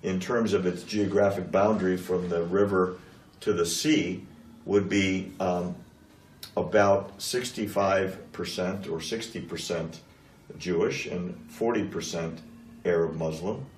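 Male political interviewer, low register, measured and piecemeal phrasing, picked up from a distance. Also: steady tone, slight background noise. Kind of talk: political interview, probing questions. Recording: echoey room, distant mic.

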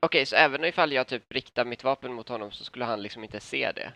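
A man's voice: medium pitch, vocal fry, sharp tone. A man playing in a tabletop game, asking questions and saying "typ" often. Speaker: player. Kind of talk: casual chat.

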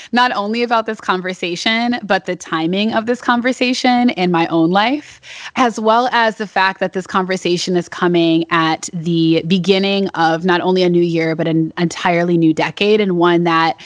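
A woman's voice: lowish voice, fairly even intonation, moderate pace, no echo. A woman hosting a podcast, opening with an introduction and then chatting effusively with her guest. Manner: effusive, enthusiastic. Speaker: podcast host.

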